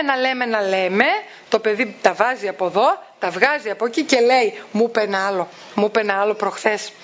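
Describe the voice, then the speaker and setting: A woman with a high voice gives parents advice and acts out the voices of parents and children with a lot of energy. Her pitch rises sharply on key words. The recording sounds dull and muffled. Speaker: parenting educator. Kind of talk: talk giving advice to parents.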